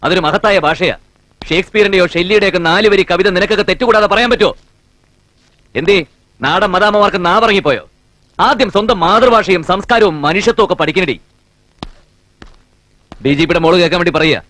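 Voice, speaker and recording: An actor playing a stern police commissioner who lectures angrily. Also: male voice, high voice, fairly quick, long pauses, fairly bright tone, no echo. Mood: angry. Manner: angry, lecturing.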